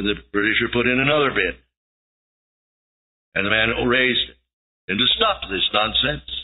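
A man's voice: fairly low pitch, breathy edge. A man preaching a sermon, telling a story dramatically and building to emphatic peaks. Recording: tinny lo-fi tape recording.

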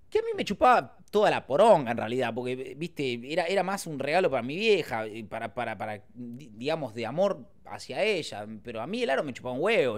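A young Argentine man telling a casual story as a podcast host, slangy and rambling with frequent filler tags. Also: mid-range voice. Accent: Argentine Spanish.

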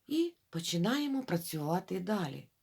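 A woman teaching young children to read, sounding out syllables slowly and talking straight to them. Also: lowish voice, big pitch swings, vocal fry, a little mellow, slightly rough. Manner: drawn-out syllable-by-syllable modelling of reading; addresses children directly, coaxing. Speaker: primary school teacher. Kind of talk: reading lesson for young children.

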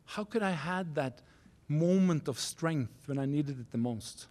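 A Norwegian man in his forties tells a personal story from a university auditorium podium. His voice sits a little high for a man, and his English is earnest and halting, full of restarts and non-native phrasing. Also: lively intonation, a little mellow. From Norway. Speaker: keynote speaker. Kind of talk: storytelling keynote speech. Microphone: podium microphone.

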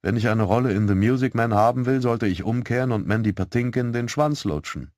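A man's voice: medium pitch, a little fast, a little mellow, dry recording, studio quality, close to an everyday voice. A man reading the lines of a young woman, an aspiring actress, in a slightly raised voice within a storybook. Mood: wry.

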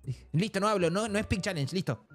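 An Argentine man with a Rioplatense accent riffs excitably over clips on a live stream. His pitch leaps up and down freely as he reacts and curses. Faint music plays behind him. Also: brisk. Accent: Rioplatense Argentine Spanish. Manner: excitable, swears often, chatty with the chat.

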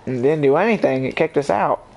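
She's a woman with a notably deep voice, chatting loosely over a multiplayer match. She jokes, swears freely and laughs often. There's a faint hiss under her voice. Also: animated, brisk, darkish tone. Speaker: gameplay video host. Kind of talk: casual gameplay banter.

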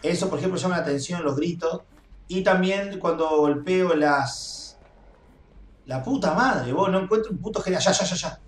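A young man with a Rioplatense Spanish accent commentating a game, excitable, swearing, and screaming when chased. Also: high voice, moderate pace. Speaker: gameplay streamer. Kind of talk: gaming commentary. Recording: echoey room, faint noise.

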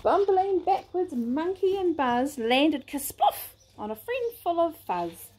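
A woman reading a rhyming picture book aloud in a sing-song, expressive way. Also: extremely high pitch, slow. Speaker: storybook reader.

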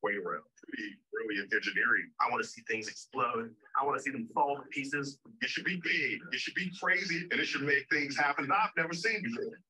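A man's voice: mid-range voice, a little fast, pushed and bright, husky, low-quality recording. A man narrating a played video clip with punchy, enthusiastic delivery.

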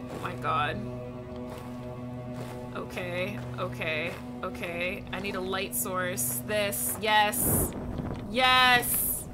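A woman's voice: mid-range voice, fairly even intonation, extremely slow. A young woman streaming a horror game, jumpy and exclamatory, swearing as she plays. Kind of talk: live horror game commentary. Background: game music.

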